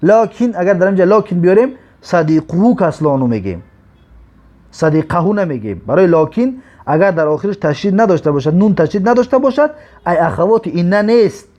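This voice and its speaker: A man teaching an Arabic grammar lesson, drawing out example words slowly between quick explanations. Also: sits high, a little mellow, dull audio. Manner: slow drawn-out example words, quick asides.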